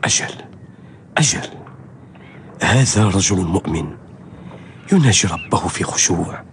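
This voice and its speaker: A man's voice: low voice, expressive, unhurried, a little hiss or hum. An actor playing a curious, sceptical yet pious man in a radio drama, speaking theatrically with wonder. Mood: awed. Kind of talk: radio drama acting in formal Arabic.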